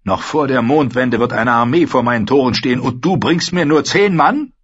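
A man's voice: mid-range voice, moderate pace, slightly rough, highs cut off, voice pushed up, close to an everyday voice. A man reading an audiobook, voicing a proud, hot-tempered young lord who argues defensively. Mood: angry. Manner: angry, defensive, boastful. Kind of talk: audiobook character voice.

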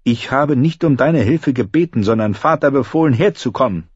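A man's voice: medium pitch, animated, moderate pace, darkish tone, breathy edge, no room sound, dull audio, voice pushed up. Cersei, a man voicing a scornful queen regent. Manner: cold, scornful. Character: proud, angry queen regent, woman.

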